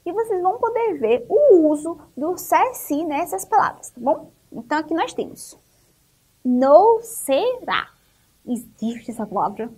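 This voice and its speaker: A woman teaching an online lesson for young children with a Brazilian Portuguese accent, slow and encouraging, asking questions and answering them herself. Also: very high voice, very animated, warm tone. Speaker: primary school teacher.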